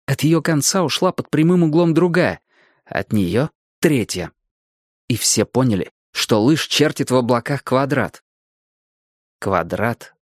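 A man narrating a children's story aloud, reading in an expressive, animated way. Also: mid-range voice, no room sound, clean studio sound. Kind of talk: audiobook storytelling.

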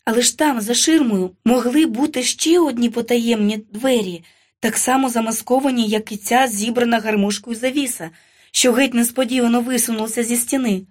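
Female narrator, fairly high voice, tense and ironic audiobook reading. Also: brisk. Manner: dramatic, tense, ironic storytelling. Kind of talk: first-person novel narration.

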